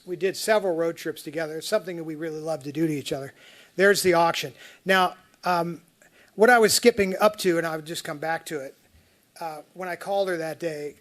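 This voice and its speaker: A man's voice: fairly high pitch, fairly bright tone. A man testifying as the appellant at a tax appeal hearing, walking through slides in a rambling, conversational way and often restarting his sentences.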